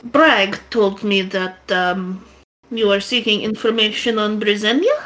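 A woman's voice: medium pitch, a bit bright, close to an everyday voice, low-quality recording. A woman doing a solemn old shaman with a Russian accent. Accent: put-on Russian accent. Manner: slow, grave storytelling with hesitant fillers. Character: old male fox-folk shaman, solemn.

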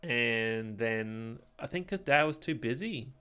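Speaking slowly but animatedly, this co-host has a mid-range voice that sounds pushed, bright, and clean. He keeps the podcast chat casual and filler-heavy, frequently closing lines with "right?".

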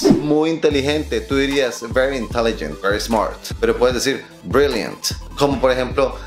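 A man's voice: mid-range voice, reverberant. Playful man teaching English. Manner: lively, playful, switches between Spanish and English examples. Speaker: English teacher, channel host. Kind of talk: casual YouTube English lesson.

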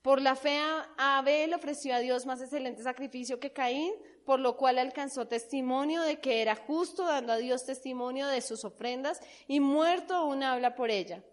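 Woman preacher, high voice, sermon with call-and-response. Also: normal speed, hardly any pauses.

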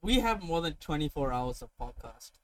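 Higher-voiced man, slangy podcast co-host. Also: sing-song, normal speed. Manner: swears freely, slangy, exclamatory. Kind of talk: casual podcast chat.

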